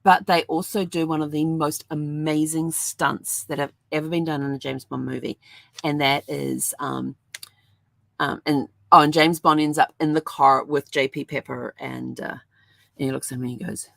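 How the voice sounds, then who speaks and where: A woman's voice: low-pitched, fairly even intonation, moderate pace, creaky, no echo. A woman hosting a show, telling a story in a rambling, chatty way with lots of fillers. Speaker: host. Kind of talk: casual chat.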